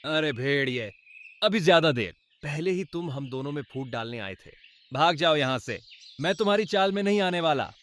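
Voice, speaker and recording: A man voicing a bold, easygoing male wild goat in a cartoon, speaking in a relaxed but defiant way. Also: on the high side, moderate pace. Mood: dismissive.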